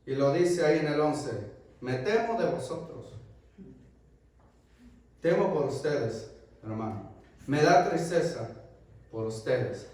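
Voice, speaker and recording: Male pastor, fervent sermon delivery, high-pitched voice, distant mic in a booming church hall. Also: lively intonation, takes it slowly, pauses often. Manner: impassioned preaching, swinging between loud peaks and hushed asides. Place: church sanctuary.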